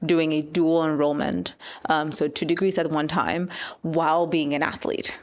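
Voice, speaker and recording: A woman's voice: low-pitched, little pitch movement, normal speed. A woman interviewing a student athlete, asking questions and responding with frequent encouraging affirmations. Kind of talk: casual interview.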